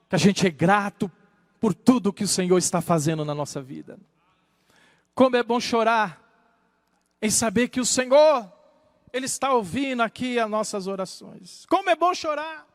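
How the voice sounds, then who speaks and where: A male pastor preaching a sermon, moving between hushed low asides and loud rising exclamations. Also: no echo, long reverb tail.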